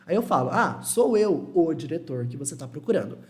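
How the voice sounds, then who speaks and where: A man's voice: a little high, big pitch swings, a little mellow. Patient man teaching English. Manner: explains step by step, checks in with "tudo bem?"; models English words slowly and repeats them. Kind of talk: Portuguese-language English lesson.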